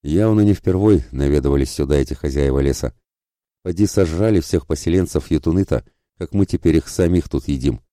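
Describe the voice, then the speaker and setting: An earnest, loyal warrior who speaks firmly in defence of a friend, voiced by a male narrator. The tone is very low and dark. It is recorded dry, like an audiobook read. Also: a little fast, no echo.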